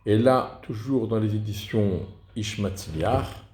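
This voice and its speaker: A man explaining reading rules in a deliberate lesson, often restarting his words. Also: fairly low pitch, darkish tone. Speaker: Torah reading teacher. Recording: echoey room.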